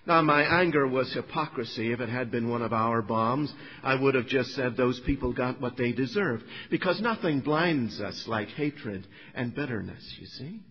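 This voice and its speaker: A man's voice: medium pitch, moderate pace, slightly rough, big-room sound, muffled recording. A middle-aged man, preaching a sermon and telling his own story to the congregation with earnest asides. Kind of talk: sermon testimony.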